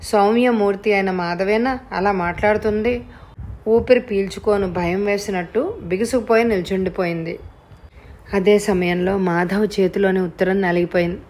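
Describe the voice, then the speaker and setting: A woman narrating an audio novel in a slow, measured reading. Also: mid-range voice, steady tone, a little mellow.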